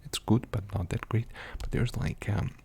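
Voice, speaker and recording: Low gravelly male ASMR whisperer. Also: fairly even intonation, normal speed. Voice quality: mostly unvoiced whisper. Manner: soft, rambling, with many fillers. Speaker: ASMR video host. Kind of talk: whispered ASMR game show-and-tell.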